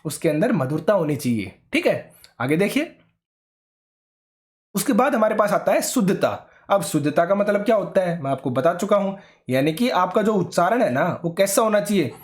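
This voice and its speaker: A man's voice: sits high, very animated, moderate pace. A man teaching an online exam-prep lecture, explaining step by step and often checking in with his students.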